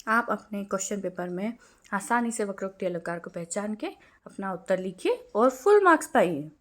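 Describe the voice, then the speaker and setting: A young woman teaching a Hindi grammar lesson in a clear, explanatory way, slowing down to recite verse examples. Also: medium pitch, lively intonation, fairly bright tone.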